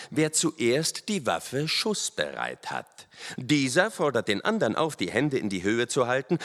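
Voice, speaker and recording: A man reading an adventure story aloud as the narrator, expressive and storytelling. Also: medium pitch. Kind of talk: audiobook narration. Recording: long hall reverb.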